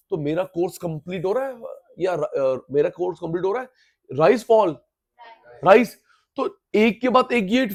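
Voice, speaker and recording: A man's voice: sits high, a little mellow. A man teaching a classroom lecture, drilling terms over and over, mixing in English, and teasing students who come in late. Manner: teasing, scolds latecomers playfully.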